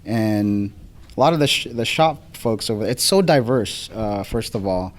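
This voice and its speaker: A man from the Philippines who grew up in Los Angeles appears as a guest photographer on a podcast recorded live for a small crowd. He speaks at a moderate pace in a lowish, expressive voice, talking informally with frequent ums and false starts.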